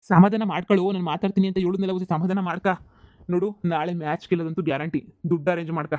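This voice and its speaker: A man putting on a cocky older village brother for a cartoon comedy. He speaks fast, bossy and sure of himself, in a flat, fairly high voice. The sound is dry and slightly muffled. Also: no echo, close to an everyday voice. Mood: assured. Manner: confident, bossy, reassuring.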